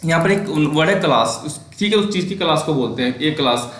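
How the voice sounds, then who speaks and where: A man teaching English grammar in a casual, explaining way, with an Indian accent, often checking in with "okay?" and reading English examples slowly. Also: fairly high pitch, expressive, fairly bright tone, reverberant.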